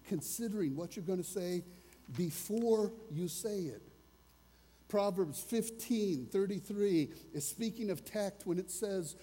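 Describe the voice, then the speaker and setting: Earnest preaching man, high and husky. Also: dark tone, big-room sound. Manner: earnest, conversational preaching with rhetorical questions. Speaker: pastor. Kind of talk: sermon.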